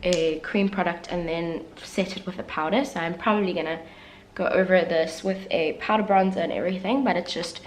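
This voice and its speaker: Her voice fairly low and her tone steady, a young woman vlogger moves fairly quickly through a makeup tutorial with few pauses, over a little hiss or hum. She's chatty and candid, teases herself along the way, and sounds slightly congested from the flu she's getting over.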